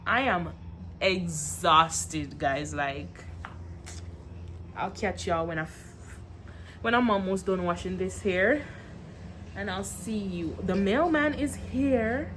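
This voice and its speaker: A young woman vlogging at home, telling her story in an animated way with sighs and laughs, and sounding tired. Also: medium pitch, measured pace, slight background noise. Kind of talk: casual venting vlog.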